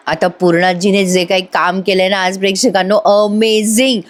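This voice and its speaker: A woman's voice: mid-range voice, steady tone, normal speed, a little hiss or hum. A woman giving a chatty voice-over recap of a TV serial episode, speaking straight to her viewers. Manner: chatty, addresses viewers directly. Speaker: TV serial reviewer.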